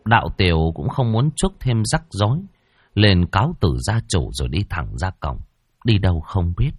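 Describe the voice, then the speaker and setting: A man's voice: low-pitched, very animated, moderate pace, a little mellow, slightly rough, no echo, studio quality. A man narrating a ghost story dramatically.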